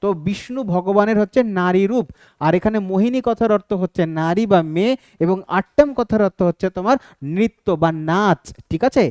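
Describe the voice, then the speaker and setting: A teacher with a fairly high, clear, slightly mellow voice gives an exam-prep lecture, explaining each point step by step and pausing often to check that students follow, repeatedly asking "ঠিক আছে?". The sound is close and dry, with almost no room echo.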